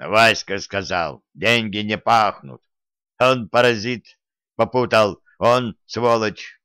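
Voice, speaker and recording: Grumpy werewolf dog, voiced by a man, slow, dry and close. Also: lowish voice, sharp tone, no echo, full character voice. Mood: sulky. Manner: gruff, sulky.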